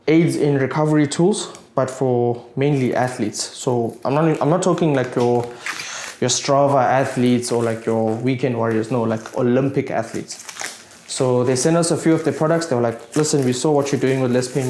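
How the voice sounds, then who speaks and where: A man's voice: mid-range voice, darkish tone. Chatty chiropractor man, echoey room. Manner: chatty, often checks in with "right?" and "yeah?". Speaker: chiropractor and host. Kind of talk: casual chat during treatment. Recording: echoey room with faint noise.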